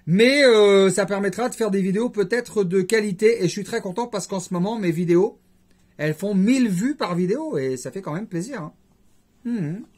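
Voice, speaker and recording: High-voiced with a darkish tone, this YouTube host talks casually to camera. His vlog chat rambles with jokey asides to his viewers.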